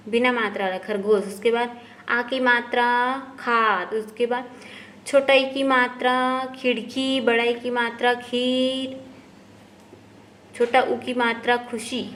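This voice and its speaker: A woman teacher slowly going through textbook exercises, often asking a question and then answering it herself. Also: on the high side, fairly even intonation, fairly bright tone, a little hiss or hum. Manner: slow, explanatory, often asks and answers herself. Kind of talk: textbook lesson walkthrough.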